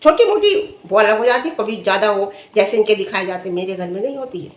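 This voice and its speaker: A woman's voice: medium pitch, animated, quick pace, echoey room. A middle-aged woman vlogger giving direct-to-camera commentary, earnestly lecturing and scolding with rhetorical questions. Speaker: vlogger commenting on another family's dispute.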